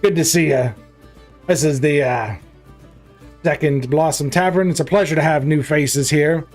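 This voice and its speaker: A man's voice: on the high side, normal speed, soft background music, close to an everyday voice. A man voicing a large female orc tavern keeper, folksy, chatty and hospitable, in a tabletop game. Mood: welcoming, chatty. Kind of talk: tabletop role-play character voice.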